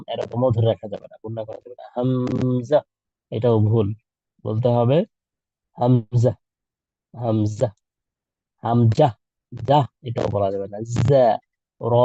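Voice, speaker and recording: A man's voice: medium pitch, mellow, dry recording, muffled recording. Patient man teaching letter sounds. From Bangladesh. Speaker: Quran teacher for children. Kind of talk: online class lesson.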